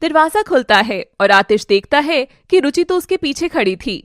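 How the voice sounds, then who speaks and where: A woman's voice: high-pitched, big pitch swings, moderate pace, dry recording, studio quality. A woman narrating a dramatic family story expressively.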